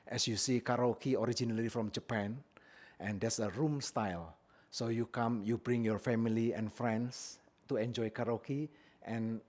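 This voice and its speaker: Frequent pauses and fillers mark the plain delivery of a man originally from Indonesia as he presents a business plan at a public hearing. His voice is mid-range and darkish, picked up by a podium microphone in a council chamber.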